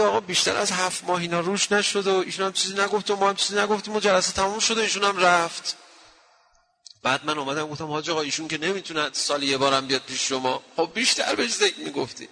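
Preacher man in a reverberant hall. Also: fairly high pitch. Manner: storytelling, swinging from quiet to loud. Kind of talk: religious sermon with anecdotes.

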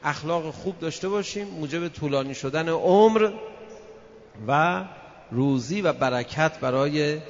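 A male cleric telling a story in a sermon about marriage advice, animatedly acting out the voices of the people in it. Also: fairly high pitch. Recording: reverberant, dull lo-fi sound.

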